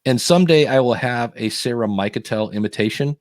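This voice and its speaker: A man hosting a casual podcast chat as a podcast coach, talking in a lively way and acting out quotes in other voices. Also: mid-range voice, a little fast, no room sound, studio quality. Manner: animated, acts out quotes in shifting voices.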